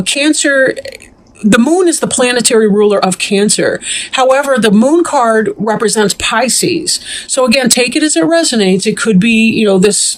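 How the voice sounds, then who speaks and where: A woman talks through a tarot reading in a loose, rambling way, with plenty of ums and frequent throat-clearing. She sounds a little short of breath as she goes. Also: a little high. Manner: chatty and meandering, clears throat often. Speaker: tarot reader. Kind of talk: casual tarot reading to camera.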